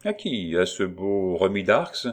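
A man's voice: sits low, big pitch swings, slow pace, exaggerated voice. A man playing a sly, doting old colonel. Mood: coaxing. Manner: coaxing, falsely paternal.

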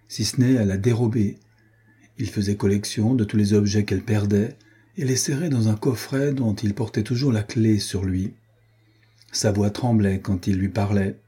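A man reading a novel aloud in a measured storytelling manner. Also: fairly low pitch, dark tone, breathy edge. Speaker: audiobook narrator. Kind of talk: scripted narration.

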